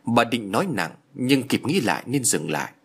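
Husky-voiced male audiobook narrator. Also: medium pitch, sing-song, normal speed, a bit bright. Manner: storytelling, voicing every character. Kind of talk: scripted narration.

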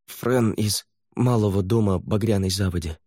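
Мужчина-чтец играет испуганного, измученного виной беглеца, который говорит напряжённо и сбивчиво. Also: male voice, lowish voice, normal speed, mellow, no echo, clean studio sound, pitched above the performer's own voice, close to an everyday voice. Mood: guilty. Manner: hesitant, strained. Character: frightened, guilt-ridden runaway man, a father.

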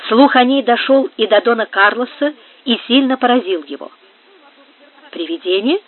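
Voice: medium pitch, fairly quick. An audiobook reader steadily narrating a novel. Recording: tinny phone-like sound.

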